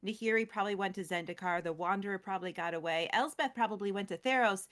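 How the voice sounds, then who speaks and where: A woman's voice: medium pitch, quick pace, fairly bright tone, lightly acted. A woman doing a hopeful druid woman. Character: hopeful female druid making quick guesses.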